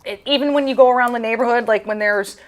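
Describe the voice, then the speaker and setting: Higher-voiced woman co-host, chatty. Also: fast talker, low-quality recording. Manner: chatty, animated storytelling. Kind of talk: casual chat.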